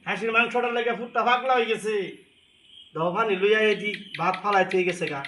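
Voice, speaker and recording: A man playing a poor, stingy village father who coaxes his son and laments loudly, speaking in a village comedy sketch. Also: sits high, steady tone, brisk, echoey room, slight background noise. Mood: lamenting. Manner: pleading, then lamenting loudly.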